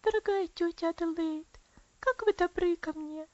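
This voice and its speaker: A frail little girl's voice, high and thin, pleading weakly through tears, as a woman narrator puts her on. It rises well above the reader's own high register. The recording is dry and a bit dull. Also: moderate pace, darkish tone, dry recording. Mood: tender. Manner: pleading, tearful, weak. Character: frail, sickly little girl longing for father.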